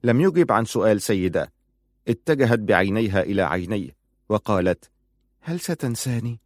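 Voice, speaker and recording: A man narrating a novel in measured storytelling. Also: fairly low pitch, no room sound, studio quality. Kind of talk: audiobook narration.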